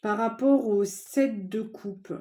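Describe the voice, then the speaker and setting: A woman giving a casual tarot reading to viewers, chatty and informal, often pausing with fillers. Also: medium pitch, mellow. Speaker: tarot card reader.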